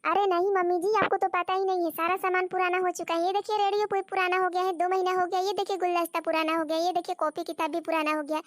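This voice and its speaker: Woman voicing a squeaky stubborn cartoon bride. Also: flat delivery, fast, hardly any pauses, dry recording, studio quality. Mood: insistent. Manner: chatty, insistent, explaining at length. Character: young daughter-in-law, stubborn and scatterbrained. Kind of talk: Hindi cartoon story voice acting.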